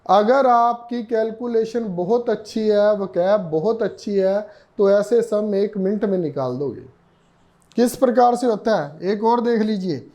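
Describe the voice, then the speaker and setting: A male teacher, explaining a reasoning lesson slowly, repeating himself and asking and answering his own questions. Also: high voice, darkish tone.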